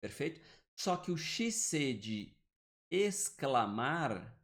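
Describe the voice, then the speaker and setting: A man's voice: mid-range voice, expressive, moderate pace, creaky. A man giving an online grammar lesson, explaining step by step and often checking in with the listener. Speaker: teacher. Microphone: computer mic, drawing with the mouse.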